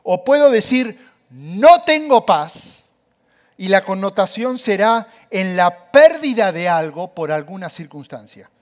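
A man's voice: high voice, expressive, measured pace. A man preaching a sermon, speaking animatedly and addressing the audience directly.

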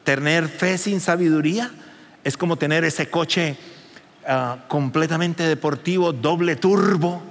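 A man preaching a sermon as pastor, animated and rising to near shouts. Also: on the high side, unhurried, big-room sound.

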